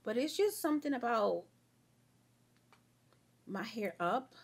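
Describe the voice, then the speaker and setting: Expressive and a touch rough, her voice leans high and takes its time. She's a young beauty vlogger chatting to viewers while doing her makeup at home in a casual get-ready-with-me, a little sniffly from a sore throat, rambling amiably and using "y'all" and "girl."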